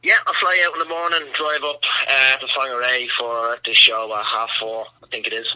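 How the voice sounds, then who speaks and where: Bright-voiced man telling comic anecdotes. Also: medium pitch, flat delivery, a little fast, no room sound, low-quality recording. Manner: rambling anecdotes, chuckling through punchlines. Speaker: comedian guest. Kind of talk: casual radio interview storytelling.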